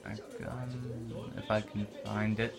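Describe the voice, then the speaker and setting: A man's voice: on the low side, flat delivery, drawn-out words, vocal fry, music in the background. A young man giving casual, offhand commentary while playing a war video game. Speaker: gameplay commentator. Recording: noisy game audio behind.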